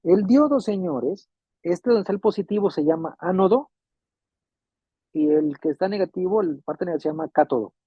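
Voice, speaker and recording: Male instructor, fairly high husky voice, patient and repetitive, tinny phone-like recording. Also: lively intonation, normal speed, no echo. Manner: patient, repeats points and checks understanding. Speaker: refrigeration electronics instructor. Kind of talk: classroom lecture. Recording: tinny phone-like dry sound.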